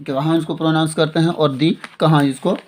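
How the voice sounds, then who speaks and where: A man teaching English grammar in Hindi, explaining slowly, repeating his points and often checking that students follow. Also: on the high side, steady tone, slight background noise. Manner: slow and repetitive, often asking "theek hai na". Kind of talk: classroom-style lesson explaining in Hindi with English examples.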